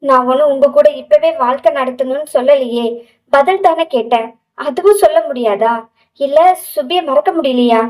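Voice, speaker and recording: A hurt young heroine from a romance audiobook who keeps pressing plaintive questions, as the woman narrator plays her. Her voice is high, and the recording sits a bit distant from the mic. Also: normal speed, a little mellow, natural voice.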